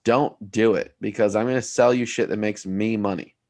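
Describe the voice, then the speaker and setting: A man's voice: on the low side, steady tone, moderate pace, a little mellow. A man co-hosting a podcast, talking bluntly and mocking himself in casual banter. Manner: blunt, joking, self-mocking. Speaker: podcast co-host. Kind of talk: casual chat.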